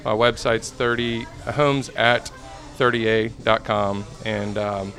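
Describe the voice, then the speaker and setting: A man's voice: on the low side, little pitch movement, slow pace, fairly bright tone, soft background music. A man from Tennessee, a guest on a chat show, answering in an easygoing, laid-back way with fillers. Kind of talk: casual interview answers. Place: restaurant table.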